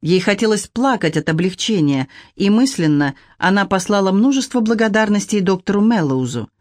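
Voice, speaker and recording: Brief: audiobook narrator, middle-pitched, steady measured reading, dry close sound. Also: no room sound.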